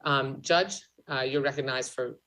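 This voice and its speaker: A woman politician chairing a legislative hearing, speaking formally in a halting, emphatic way that repeats key phrases. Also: very deep voice, steady tone, fairly bright tone, poor audio. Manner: politician's measured, halting delivery with emphatic repetition.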